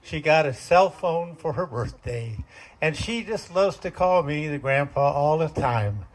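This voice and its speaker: A man's voice: on the high side, animated, measured pace. Folksy older man telling jokes on stage. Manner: folksy, chuckling, self-deprecating. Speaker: performer at a community talent show. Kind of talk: stand-up comedy storytelling. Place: stage at a community talent show.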